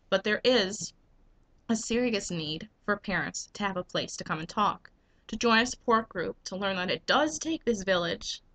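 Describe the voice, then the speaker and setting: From a small room in her home, a young American woman who runs a business and vlogs makes a persuasive pitch into her desk webcam. She's getting a cold, and her bright, medium-pitched voice stays earnest and emphatic, leaning on rhetorical questions.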